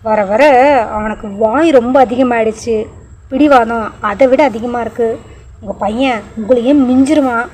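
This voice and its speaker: A woman's voice: on the high side, steady tone, normal speed, darkish tone, slight background noise, natural voice. A woman voicing a young mother who scolds curtly. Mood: scolding. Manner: scolding, curt. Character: young mother, sharp and embarrassed.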